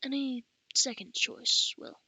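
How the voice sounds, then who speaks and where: A kindly castle baron who speaks gently, with quiet concern, as a woman reads him. The bright, close, dry voice stays soft throughout this storybook reading. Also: on the high side, normal speed, dry recording, low-quality recording. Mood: gentle.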